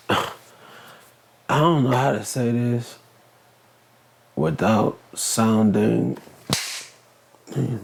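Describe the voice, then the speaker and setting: A man's voice: mid-range voice, creaky, a little mellow, breathy edge. A man giving joking, blunt commentary, reacting to a news clip. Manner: joking, blunt, slangy rambling with interjections. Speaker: reaction video host.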